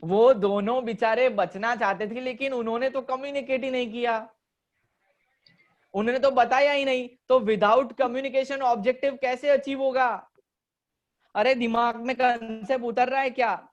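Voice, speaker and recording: A man's voice: very high-pitched, fairly even intonation, measured pace. A man teaching an online commerce class and telling a story to his students while he quizzes them. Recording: dull lo-fi audio.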